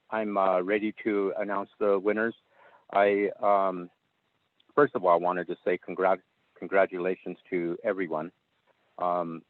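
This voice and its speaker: A man speaking over a phone line, hesitant and full of ums and uhs as he announces competition winners on a conference call. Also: low voice. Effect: heard over a phone line.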